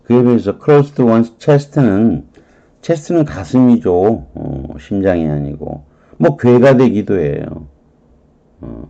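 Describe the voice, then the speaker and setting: A man teaching English vocabulary and grammar in an online lecture, reading words aloud and explaining each one deliberately. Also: fairly low pitch, lively intonation, vocal fry, warm tone, muffled recording. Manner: slow, deliberate, reads English words aloud then glosses them.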